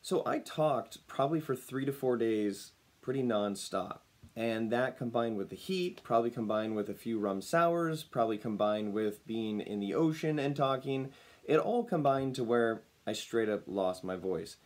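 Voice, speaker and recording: A personal branding speaker in his thirties talks casually to a desk-distance webcam in a room at home, upbeat, smiling and chuckling often. He's recovering from losing his voice, so he sounds slightly raspy, with a mid-range, darkish, expressive voice at normal speed.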